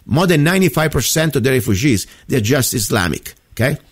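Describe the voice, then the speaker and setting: An Italian man with an Italian accent hosts a radio call-in show, offering opinionated chat in an emphatic, repetitive style. His husky, mid-range voice has lively intonation and moves a little fast.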